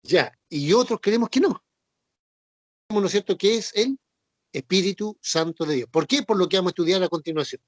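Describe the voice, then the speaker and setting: A man's voice: high-pitched, lively intonation, moderate pace, no room sound. A man teaching a sermon on scripture, repeating points and checking understanding with frequent tag questions. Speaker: preacher.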